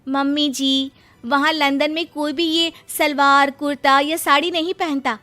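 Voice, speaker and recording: A woman narrates an animated family story in a high, gentle voice, coaxing in the daughter-in-law's lines. Soft music plays under her. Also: measured pace. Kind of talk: scripted cartoon narration.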